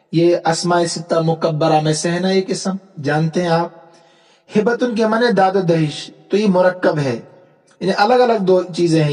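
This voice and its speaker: Man, high voice, religious teacher, step-by-step lecture, slow verse recitation. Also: darkish tone. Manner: explains step by step, checks understanding with rhetorical questions; recites Arabic verse slowly and deliberately. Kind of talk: classroom lecture on Arabic rhetoric.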